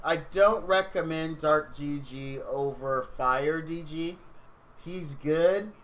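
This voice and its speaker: Man, game streamer, tired, rambling, chatty, bright tone, a touch high. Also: slow pace. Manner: chatty, rambling, talks to viewers in chat. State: tired, yawning. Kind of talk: casual game-stream commentary.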